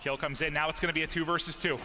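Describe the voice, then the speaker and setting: A man's voice: on the high side, flat delivery, racing, background noise. A man commentating as an esports caster, calling play-by-play in emphatic, punchy short phrases.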